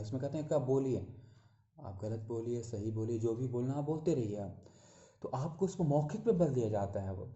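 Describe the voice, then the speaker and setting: A man teaching a recorded lecture on teaching methods, explaining slowly with many fillers and restarts and talking straight to his students. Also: mid-range voice, warm tone. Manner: talks directly to students, repeating key phrases. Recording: dull lo-fi audio.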